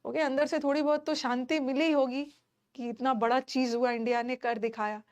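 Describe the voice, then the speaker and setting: A young Indian woman with a high voice teaches an online class. She talks in a chatty, emphatic way and keeps dropping fillers between points. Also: steady tone, moderate pace. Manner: chatty, emphatic, many fillers like "theek hai". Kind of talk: casual classroom talk to students.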